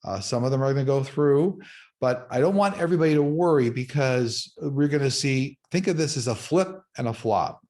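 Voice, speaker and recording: A man's voice: medium pitch, normal speed, darkish tone. Chatty man hosting his own channel. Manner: conversational, frequent fillers and restarts. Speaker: psychic medium host. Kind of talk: casual monologue to viewers.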